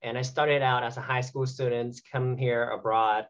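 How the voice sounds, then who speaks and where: A young Vietnamese graduate student in athletic training talks earnestly and at length as a guest in a casual remote interview over a video call, with many fillers. His mid-range voice is flat, a bit bright, and moderately paced, with the highs cut off.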